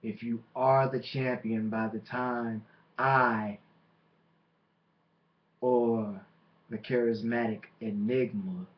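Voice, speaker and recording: A man cuts a wrestling promo in a mid-pitched voice. He speaks slowly and deliberately, leaving dramatic pauses as he boasts and taunts. The recording is dull and lo-fi. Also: fairly even intonation.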